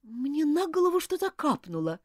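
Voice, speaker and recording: A woman voicing an earnest, flustered young schoolgirl in an audiobook, high and pleading. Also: huge pitch swings, moderate pace, no room sound, clean studio sound. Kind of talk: audiobook character voice.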